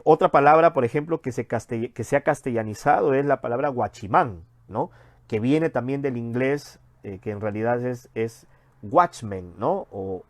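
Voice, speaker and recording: Man, mid-pitched Bible study teacher, conversational and explanatory, dry close sound. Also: darkish tone, no echo. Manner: explains step by step with frequent tag questions and hesitations.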